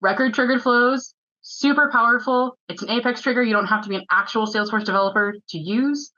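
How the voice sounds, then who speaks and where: A woman giving a technical presentation at a user group meeting, talking fast in a chatty way with filler words. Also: fairly high pitch, bright, forceful tone, muffled recording.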